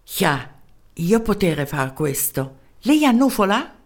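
A woman's voice: mid-range voice, sing-song, slow pace. A woman voicing a fussy foreign male professor with a put-on German accent and broken, clipped speech. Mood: brusque. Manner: broken grammar, clipped impatient replies.

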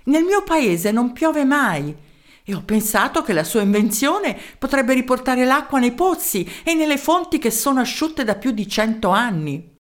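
A woman's voice: high voice, big pitch swings, measured pace, pitched above the performer's own voice. A woman voicing an earnest male village mayor who talks politely and insistently in a raised voice. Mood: eager.

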